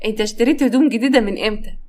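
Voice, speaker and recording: A blunt male friend who scolds and teases, played by a woman with an Egyptian accent. The talk is fast and sits a touch high. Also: darkish tone, lightly acted. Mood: scolding.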